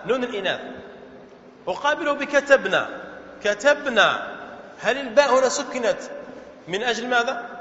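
A man's voice: high-pitched, fairly bright tone, a little hiss or hum. Man teaching in an echoey hall. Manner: asks questions then answers them himself. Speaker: sheikh teaching Arabic morphology. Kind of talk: classroom lesson explaining verse. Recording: echoey hall, dull lo-fi sound.

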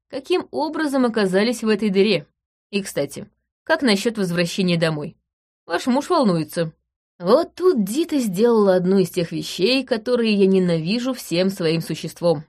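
A woman reading an audiobook in the first person, in a brisk, dry and commanding manner. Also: medium pitch, a little mellow. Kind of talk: audiobook narration.

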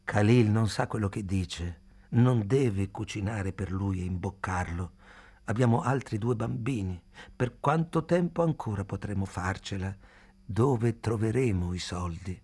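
A man reading aloud the lines of a weary worried wife in a plain, low voice. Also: lively intonation, a little slow, warm tone, husky, full character voice. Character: weary worried young wife, pleading quietly.

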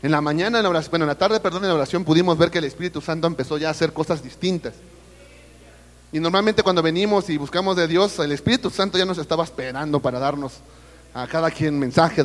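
At a church service, a Mexican man preaches with a Mexican Spanish accent in a slightly high voice, moving at a quick pace. He calls his listeners brother and puts questions to the congregation, and his words trail off into a long reverb.

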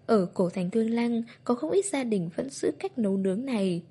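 A woman narrating a novel as an audiobook in a steady, even reading voice. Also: a little high, normal speed, slightly rough.

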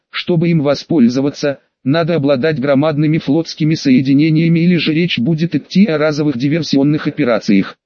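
Male audiobook narrator, steady even read, slightly dull lo-fi sound. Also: fairly high pitch, no echo. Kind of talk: scripted narration.

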